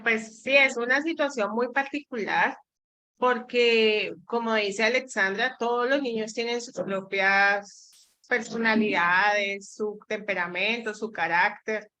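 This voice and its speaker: Bright-voiced woman moderator. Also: on the high side, steady tone, slow, poor audio. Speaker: moderator of an online parenting session. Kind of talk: calm advice.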